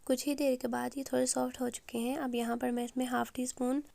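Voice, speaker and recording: A woman hosting a cooking channel, talking through a recipe step by step with a hoarse, sore throat and frequent pauses. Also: high voice, little pitch movement, dark tone, no room sound. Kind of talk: recipe voice-over.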